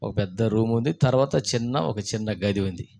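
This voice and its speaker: A man's voice: fairly low pitch, normal speed, vocal fry, a little mellow, a little hiss or hum. A man, a pastor preaching a sermon, telling stories and asking the congregation questions. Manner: asks the congregation questions, acts out scared voices in stories. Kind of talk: sermon with storytelling.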